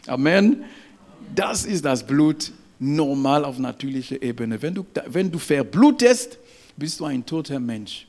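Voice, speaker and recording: Gravelly emphatic male preacher. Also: medium pitch, animated, a little mellow. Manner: emphatic, punctuates with "ja?" and "Amen"; halting, with restarts and fillers. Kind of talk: sermon.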